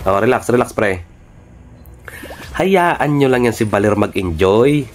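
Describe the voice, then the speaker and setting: A man giving live commentary on his own gameplay, excitable and trash-talking, swearing often. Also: on the low side, a little slow. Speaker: gaming streamer.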